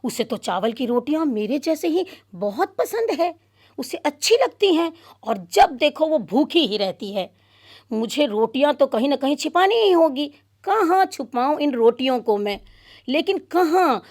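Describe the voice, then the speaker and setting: A woman voicing a young boy who loves food and frets about hiding it, in an anxious, hurried manner. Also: sits high, sing-song, a little mellow. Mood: flustered. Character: young boy hero, fond of food, fretful.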